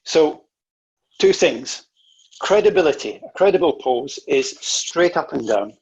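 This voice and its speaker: A man's voice: fairly high pitch, lively intonation, unhurried, husky, muffled recording. A man presenting an online interview-skills workshop, coaching in an emphatic way and often repeating words.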